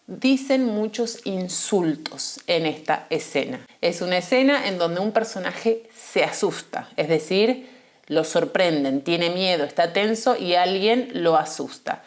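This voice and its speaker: A woman with an Argentine accent gives a Spanish lesson. She explains clearly and patiently, and slows down to repeat key words. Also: lowish voice, lively intonation. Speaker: Spanish teacher.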